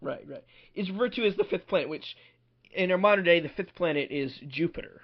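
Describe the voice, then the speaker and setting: A man's voice: high voice, a little fast. Agreeable man on a lo-fi podcast. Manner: agreeable, frequent "right, right" affirmations. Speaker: podcast co-host. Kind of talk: casual chat. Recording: dull lo-fi audio.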